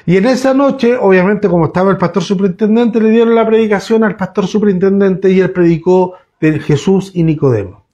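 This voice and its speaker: High-voiced pastor preaching. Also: male voice, a little fast, mellow, highs cut off. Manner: conversational storytelling preaching with many restarts. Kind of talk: sermon. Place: church.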